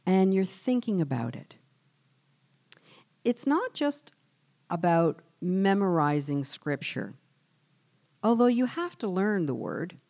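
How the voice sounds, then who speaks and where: A woman with a low voice gives an earnest devotional teaching. She speaks slowly and deliberately, and lets her voice fall soft on the words she wants to land. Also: very animated, vocal fry. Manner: earnest, measured, often dropping softer on key words. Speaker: church speaker.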